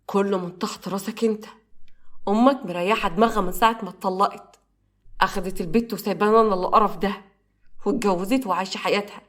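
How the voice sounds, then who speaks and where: A woman's voice: medium pitch, fairly even intonation, fast, close to an everyday voice. A woman with an Egyptian accent voicing a bitter, resentful father who reproaches his son and wife in a spoken story. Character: bitter weary father Mustafa, resentful man.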